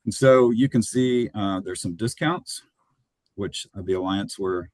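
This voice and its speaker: A man, a web designer, explaining his work on a video call in a relaxed, hesitant way with many fillers. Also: fairly low pitch, measured pace, dry recording.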